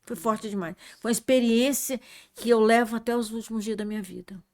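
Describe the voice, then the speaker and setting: A woman with a somewhat high voice tells a religious testimony as a guest. Her delivery is dramatic and earnest. She swings from hushed tones to loud outbursts and repeats her key words. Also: fairly quick. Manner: repetitive, earnest, addresses listener as "irmão". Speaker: guest, prayer circle leader.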